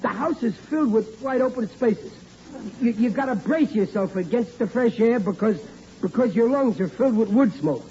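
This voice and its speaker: Stubborn bumbling radio husband, mellow high voice, emphatic, stammering, 1940s comedy. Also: male voice, lively intonation, normal speed. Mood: stubborn, boastful. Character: blundering, boastful, stubborn working-class sitcom husband and dad. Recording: muffled old radio recording, faint noise.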